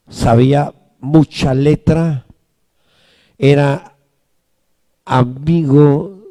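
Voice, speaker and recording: A man pastor with a high-pitched voice delivers an emphatic sermon, often calling on the congregation to respond. His tone is mellow, and he takes his time with each phrase. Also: gravelly.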